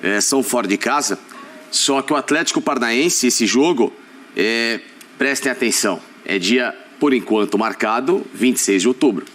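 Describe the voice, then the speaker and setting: A man's voice: mid-range voice, normal speed, a bit bright. A man with a Brazilian accent on a studio sports panel, explaining fixture details step by step. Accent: Brazilian Portuguese. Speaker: sports TV commentator.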